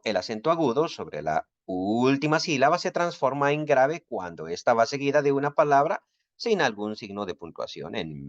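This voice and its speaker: A man's voice: medium pitch, dry recording, dull audio. A man teaching a recorded Bible Greek lesson, explaining grammar rules patiently and methodically.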